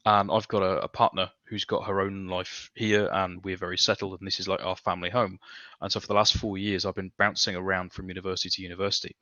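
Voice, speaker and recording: Brit guy on a podcast, talks fast, lowish bright voice, dry slightly dull call audio. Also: flat delivery, no echo. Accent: British. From Coventry, England. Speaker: podcast guest, academic researcher. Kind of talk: casual, chatty interview answers. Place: home room, video call.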